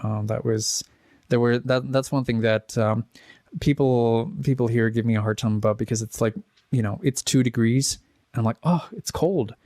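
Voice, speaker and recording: A man's voice: medium pitch, normal speed, warm tone, no room sound, studio quality. A man in his forties from the Czech Republic, a guest in a casual interview, rambling and restarting with chuckles. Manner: rambling, self-correcting, chuckles at his own stories. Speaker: interview guest, pianist and composer.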